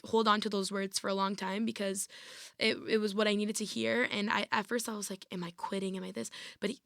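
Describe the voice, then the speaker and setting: Retelling events with constant "like" and "I was like", this woman in her twenties, a varsity athlete, chats casually as a guest on an interview podcast. Her mid-range voice has vocal fry and is a bit bright, captured with studio quality and no echo.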